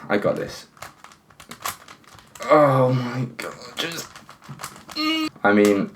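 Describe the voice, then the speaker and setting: A man hosting his own puzzle channel, thinking aloud and pleading with a stiff puzzle as he solves it. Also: fairly low pitch. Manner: talks to the puzzle, pleading and exasperated; thinks aloud, counting pieces. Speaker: puzzle solving channel host. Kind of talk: casual talk while solving a puzzle.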